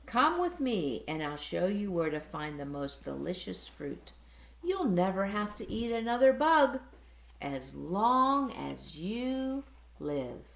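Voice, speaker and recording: A woman reading aloud and voicing a gentle, loving mother bat with a tender, soothing manner, in a roomy space. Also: low voice, very animated, a little slow, gravelly, few pauses, heavily acted. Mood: reassuring. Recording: roomy echo.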